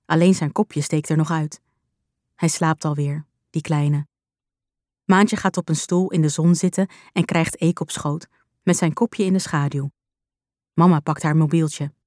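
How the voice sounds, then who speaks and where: Woman reading a storybook gently. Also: deep voice, fairly even intonation, unhurried, no echo, clean studio sound. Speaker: narrator.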